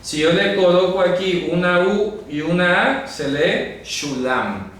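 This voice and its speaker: A man's voice: high voice, lively intonation, slow, a bit bright. A man teaching a Bible lesson at a board. He explains things carefully and keeps asking his listeners whether they follow. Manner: explanatory, asks listeners rhetorical check-in questions. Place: room with a writing board. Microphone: camera mic from a distance. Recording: very echoey room, mic far off, faint noise.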